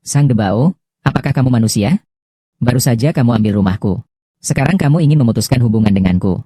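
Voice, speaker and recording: Guy reading a defiant wronged daughter, bitter and accusing, warm low tone. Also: fast, no echo, clean studio sound, close to an everyday voice.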